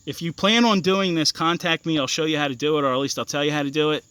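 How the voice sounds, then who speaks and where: A young ATV owner gives a casual walkaround of the mods on his off-road bike, halting and full of ums and restarts, swearing casually and talking bluntly. His smooth, clear voice is fairly high, steady, bright and forceful, recorded dry with no room echo.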